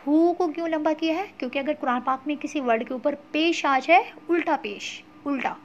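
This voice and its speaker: A woman teaching Quran recitation, chanting verses slowly and drawn out, then explaining pronunciation rules in quick, plain speech. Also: sits high, dull audio, a little hiss or hum. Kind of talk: tajweed lesson with slow chanted recitation.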